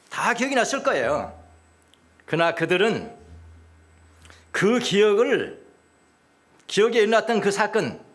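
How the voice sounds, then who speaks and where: A middle-aged male pastor with a very high voice delivers a sermon emphatically and repetitively, occasionally dropping into hushed asides.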